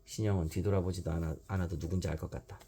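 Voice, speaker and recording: A father reading a children's storybook aloud at bedtime, in a steady narrating voice. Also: low-pitched, very fast, slight background noise.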